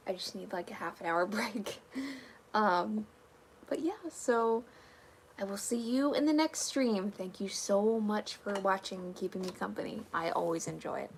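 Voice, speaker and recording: A woman's voice: mid-range voice, expressive, moderate pace, a little hiss or hum. A young woman livestreaming her craft work, chatting casually with viewers and answering comments, her voice tired from talking. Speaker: livestreamer making fursuits.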